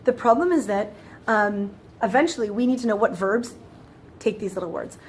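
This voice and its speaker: A woman's voice: mid-range voice, moderate pace, a little hiss or hum. A woman explaining grammar in a casual, chatty lesson, often restarting phrases and walking through it step by step. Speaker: French teacher.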